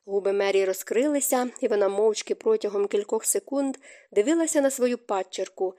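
A woman reading a novel aloud as an audiobook narrator, in a calm, measured manner. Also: mid-range voice. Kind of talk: scripted narration of a romance novel.

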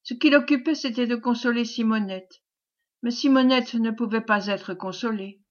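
A woman narrating a classic novel as an audiobook, measured and expressive. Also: a little high, highs cut off. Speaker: audiobook reader.

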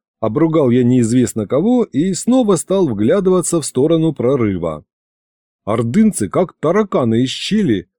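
A man reading a first-person audiobook in a lively, expressive way. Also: on the high side, no room sound. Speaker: audiobook narrator.

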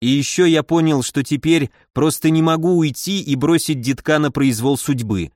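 A man narrates a first-person story in a wry, brisk way. His voice sits slightly high for a man. The recording is dry and close, with no room sound. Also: a little mellow, no room sound. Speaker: audiobook narrator.

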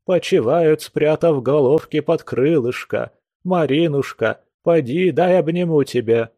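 A man's voice: on the high side, unhurried, mellow, no echo, voice pushed up. A man reading aloud plays a drunken old male guest who wails and pleads in grand, churchy phrases, in a somewhat raised voice. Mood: drunken pleading. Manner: wailing, churchy pompous phrasing.

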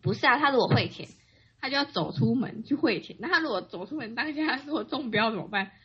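A woman co-hosting a casual chat, telling her stories animatedly and mimicking others in a high voice. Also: expressive, fast, husky. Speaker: podcast co-host. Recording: dull lo-fi sound.

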